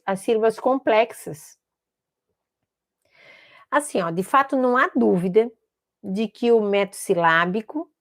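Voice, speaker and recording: A woman's voice: on the high side, darkish tone. Emphatic woman teaching letter sounds. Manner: repeats words for emphasis, asks rhetorical questions. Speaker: special education teacher. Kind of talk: explanatory online lesson.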